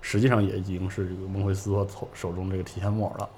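A man's voice: low voice, level tone, very fast, mellow, slight background noise. A man hosting a podcast, casually retelling a game's story in a rambling way with many fillers. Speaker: podcast host recounting game lore.

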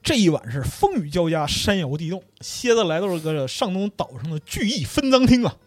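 A man's voice: sits high, big pitch swings, brisk, no echo. A man hosting a podcast, telling a story in a traditional storyteller cadence with playful slang asides. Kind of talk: comic storyteller narration.

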